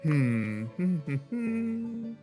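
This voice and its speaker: Game master guy on a popping stream headset mic, bit higher voice, lots of ums, some music faint behind. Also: big pitch swings, warm tone. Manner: halting, filler-heavy, breaks off to fix his audio. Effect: popping livestream headset mic. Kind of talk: narrating a tabletop game on a livestream. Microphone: headset mic on a live stream.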